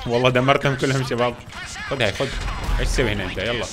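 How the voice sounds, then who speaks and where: A young man giving excitable gameplay commentary, talking straight to his viewers. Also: medium pitch, over loud music. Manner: fast, excitable, talks to viewers as "guys". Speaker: gaming YouTuber.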